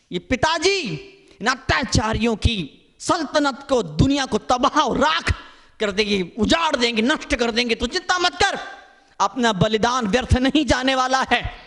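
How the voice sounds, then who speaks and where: A man's voice: extremely high pitch, animated, unhurried, bright, forceful tone, exaggerated voice. A man voicing a brave young boy facing martyrdom who comforts his elder brother defiantly.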